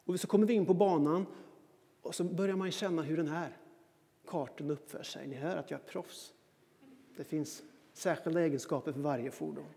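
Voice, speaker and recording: A man telling a personal anecdote as a self-mocking, animated monologue. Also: fairly high pitch, creaky, big-room sound. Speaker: storyteller.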